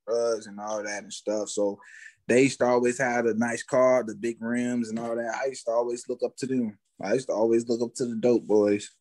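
A man's voice: mid-range voice, level tone, normal speed, darkish tone. A man with an American accent chatting casually as an interviewed music artist, using street slang and repeating his phrases. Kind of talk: casual chat.

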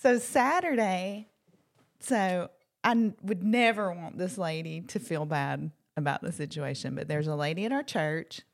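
A woman with a drawl tells a story on a podcast, animated and chatty. She acts out every quote in the story. Her voice sits a little on the low side. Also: unhurried, vocal fry. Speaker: podcast co-host. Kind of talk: casual chat, storytelling.

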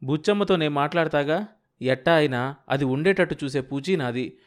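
Man voicing a soft-spoken husband calming his wife, a little higher than the narration. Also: normal speed, natural voice. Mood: soothing. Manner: gentle, coaxing. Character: doting young husband, soothing his wife.

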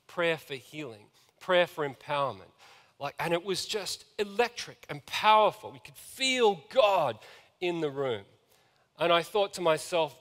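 This pastor's mid-range, fairly bright voice echoes through a church sanctuary with a large hall's long reverb. He preaches a sermon with earnest feeling, reading scripture aloud and calling on the congregation for amens.

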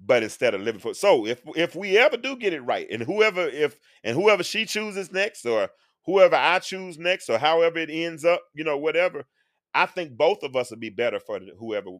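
In his forties, the man hosts a live-stream talk where he's interviewed as a show host, speaking in an earnest, sermon-like way and sometimes singing phrases. His voice is on the high side, expressive and a bit bright, at a moderate pace. The audio is studio quality without echo.

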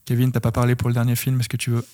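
A man's voice: mid-range voice, monotone, racing, a little mellow. Guy hosting a film podcast, joking around, kinda hesitant, swears a bit. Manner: hesitant, jokey, swears and laughs. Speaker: podcast host. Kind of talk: casual chat.

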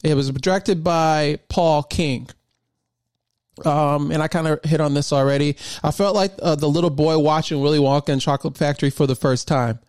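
A man's voice: on the high side, fairly even intonation, normal speed, a little mellow, clear, resonant tone, no echo, clean studio sound. A man hosting his own podcast, talking casually and enthusiastically, rambling with lots of fillers and restarts. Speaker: podcast host. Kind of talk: casual solo podcast talk.

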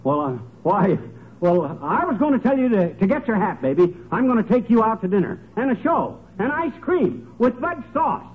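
An actor playing a boastful, bumbling husband in a 1950s radio comedy, folksy and stammering, on a tinny old broadcast recording. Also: male voice, high voice, big pitch swings, normal speed, slight background noise. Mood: sheepish, blustering. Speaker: comic lead in a radio sitcom.

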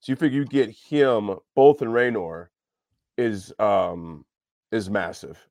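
A man hosting a sports radio show from a studio, chatting loosely with halting restarts. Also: lowish voice, a little mellow, no echo. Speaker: radio host. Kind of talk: casual sports radio talk.

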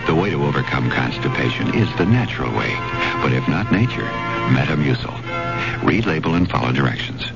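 Male commercial announcer, very low and animated, scripted ad read, lo-fi radio sound. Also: a little fast, vocal fry, loud music behind the voice. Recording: dull lo-fi radio recording.

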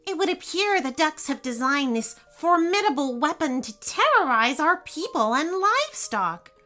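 Courtly bread-kingdom advisor, put on by a woman, high and bright, measured and formal in a storybook. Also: very animated, exaggerated voice. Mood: grave. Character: smooth-talking male royal advisor.

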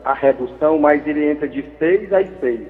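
A man's voice: on the high side, moderate pace. A man calling a radio show over a landline phone. He chats in a chummy, jokey way and rambles, repeating words as he goes. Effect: over a landline phone line. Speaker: radio caller. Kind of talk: casual call-in chat. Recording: tinny phone line with long echo.

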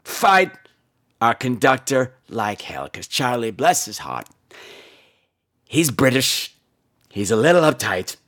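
This podcast host takes his time, speaking slowly in a sing-song, medium-pitched voice with a fairly bright tone and long pauses. He tells funny personal stories in a campy, theatrical manner, throwing in sassy, salty asides.

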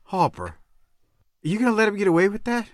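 A man hosting a casual recap chat, talking in an animated, jokey way. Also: sits high, quick pace, background noise. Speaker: podcast host.

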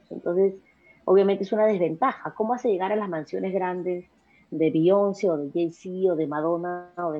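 A young woman, a guest in a casual interview, talking fast and energetically with many restarts and repeated words. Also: fairly low pitch. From Peru. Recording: husky voice over a tinny phone-like line.

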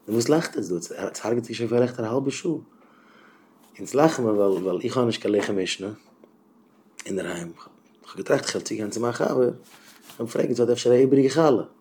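Impassioned rabbi, murmurs to bursts. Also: male voice, animated, a little fast, long pauses, slight background noise. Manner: swings from low murmurs to loud impassioned bursts. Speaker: rabbi giving a talk to educators. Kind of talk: Yiddish chizuk talk.

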